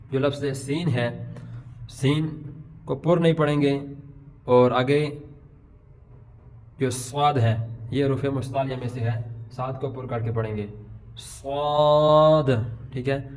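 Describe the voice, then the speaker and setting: Man, middle-aged, Quran pronunciation teacher, patient, drawn-out example letters, mid pitch. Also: fairly even intonation, a little mellow, a little hiss or hum. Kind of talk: Urdu alphabet lesson.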